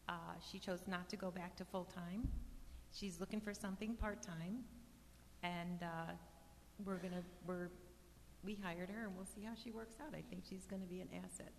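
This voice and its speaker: In a reverberant community meeting hall with a faint hum, a woman who manages a residential park answers residents' questions. Her voice is lowish and gravelly, and her casual, plainspoken talk is full of restarts and fillers.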